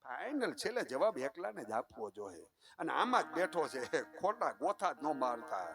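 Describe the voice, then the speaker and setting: Folk religious storyteller, man in his 50s, Kathiawadi Gujarati accent, higher voice, dramatic hushed-to-loud delivery. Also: moderate pace, gravelly, music in the background. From Saurashtra, Gujarat. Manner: animated, swings from hushed to loud declaiming, half-sung lines. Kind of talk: devotional folk storytelling for a live gathering. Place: live stage before a village gathering.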